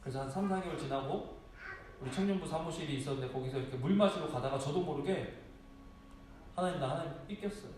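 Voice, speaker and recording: A man's voice: fairly high pitch, fast talker, a little mellow, a little hiss or hum. A middle-aged male pastor preaching a sermon in a conversational, storytelling way, asking rhetorical questions. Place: large echoey church sanctuary. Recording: very echoey hall from a distance.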